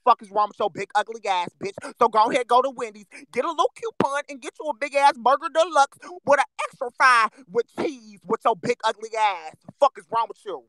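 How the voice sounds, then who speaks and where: A performer playing a brash monkey in a voice-chat roast battle, firing rapid crude insults. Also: mid-range voice, lively intonation, bright, forceful tone, no echo, rough recording. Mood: mocking.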